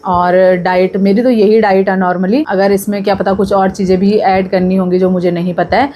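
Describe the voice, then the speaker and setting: A woman's voice: medium pitch, little pitch movement, fairly quick, dark tone, slight background noise. A young pregnant woman chatting casually to camera in a vlog, talking freely and drifting off topic. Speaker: vlogger.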